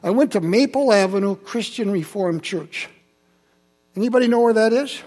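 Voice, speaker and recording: A church speaker in his seventies from Holland, Michigan, tells a congregation Bible and childhood stories in a chatty, conversational sermon, with asides to the listeners. His voice is high and darkish in tone, at a moderate pace.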